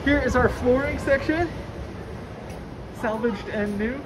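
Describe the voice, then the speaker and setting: A woman's voice: high-pitched, slow. Chatty woman giving a warehouse tour. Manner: chatty, enthusiastic, many fillers. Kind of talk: casual walking tour. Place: large indoor warehouse. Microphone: handheld phone camera, walking. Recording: noisy warehouse ambience.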